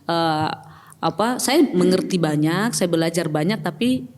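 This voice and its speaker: A middle-aged woman from Batak, North Sumatra, speaks with a Batak accent as a podcast guest, sharing her personal story in casual conversation. Her fairly low, expressive, darkish voice moves a little slowly, reflective and hesitant, with many fillers and restarts. The recording has long reverb and faint music.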